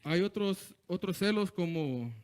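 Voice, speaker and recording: A man's voice: high voice, lively intonation, unhurried, a little mellow, smooth. A man preaching an informal sermon, often checking in with "¿verdad?" and mixing in English words. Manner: conversational, keeps asking "¿verdad?", slips into English words; hesitant restarts, chuckles between phrases.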